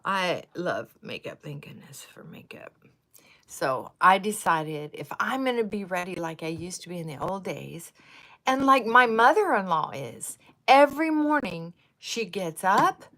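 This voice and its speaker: Slow, rambling woman in her sixties. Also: on the low side, big pitch swings, a bit bright. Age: 60s. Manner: rambling, wandering off on tangents. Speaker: livestream host. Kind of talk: casual chat while doing makeup.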